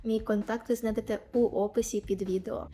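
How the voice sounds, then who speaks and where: A woman's voice: mid-range voice, steady tone, fairly quick, mellow. Ukrainian woman explaining English sounds. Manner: clear, demonstrative, over-articulating example sounds. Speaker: English teacher. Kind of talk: pronunciation lesson.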